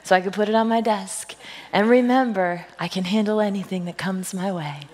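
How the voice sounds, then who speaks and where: Her voice is husky and a little hoarse today, sitting at medium pitch and moving at a moderate pace as this woman, the senior pastor, delivers a funny sermon to the congregation. Playful stories, jokes at her own expense, and animated quoted voices fill it, echoing away in the large sanctuary's long reverb.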